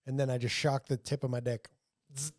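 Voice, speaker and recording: A man co-hosting a podcast, delivering crude jokes in a deadpan way. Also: medium pitch, a little fast, dry recording, studio quality. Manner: deadpan, crude one-liners. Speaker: podcast co-host. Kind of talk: casual comedic banter.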